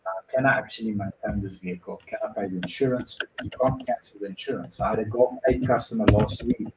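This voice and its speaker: Speaking fast in a lowish voice, a man originally from Bulgaria runs a car dealer's viewer Q&A and explains his casual advice step by step. He is conversational and uses fillers. The background is noisy, with a roomy echo and faint ambience.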